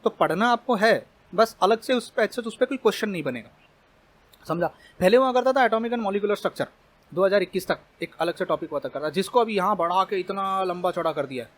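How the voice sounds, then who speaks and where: A man's voice: high voice, lively intonation, a little fast. A man teaching chemistry in an exam-prep lecture, explaining casually and speaking straight to his students. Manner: explanatory, conversational, addresses students directly.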